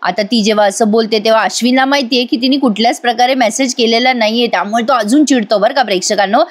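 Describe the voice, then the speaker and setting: A woman's voice: on the high side, fast talker. Chatty woman recapping a TV serial. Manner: chatty, addresses viewers with asides. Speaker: TV serial reviewer.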